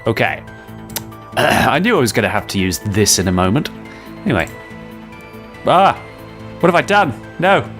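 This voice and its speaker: A man chatting casually over his gameplay, poking fun at his own mistakes. His pitch moves around freely as he talks. Faint game music plays underneath. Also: big pitch swings, unhurried, pauses often, a bit bright. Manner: casual, self-deprecating asides. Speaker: game player.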